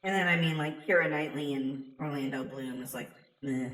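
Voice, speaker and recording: Female game streamer, low pitch, casual and rambling delivery, a bit off-mic. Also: normal speed, fairly bright tone, a little hiss or hum. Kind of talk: casual chatty commentary. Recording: roomy echo, distant from mic.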